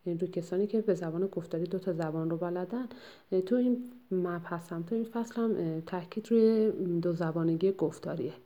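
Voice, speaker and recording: Here a woman with a fairly low, dark voice gives a lecture summing up a textbook chapter. She explains at a measured pace, pausing often to hesitate or correct herself.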